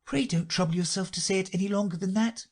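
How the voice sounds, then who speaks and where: A man's voice: sits high, fast talker, pitched above the performer's own voice. A man voicing a polite, earnest young girl in a storybook reading.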